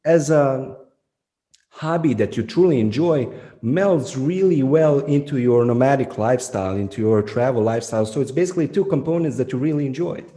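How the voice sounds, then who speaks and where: A man hosts a podcast interview in a relaxed, mellow voice. He sums up what his guest says, and a long reverb trails behind his voice. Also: medium pitch, fairly quick. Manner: sums up points, gives short backchannels. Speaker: podcast host.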